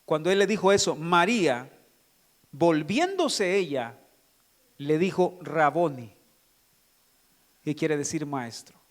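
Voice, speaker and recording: A man preaching to his congregation in a high, lifted voice. He reads scripture aloud and stops often to put questions to the listeners. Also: sing-song, slow, pauses often. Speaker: pastor. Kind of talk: sermon.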